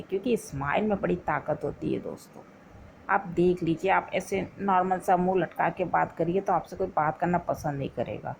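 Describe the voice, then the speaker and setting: A woman's voice: on the low side, slight background noise, rough recording. A woman hosting a motivational video, giving casual spoken advice to viewers in a chatty, repetitive way and calling them friends. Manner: chatty, repeats phrases, addresses viewers as friends.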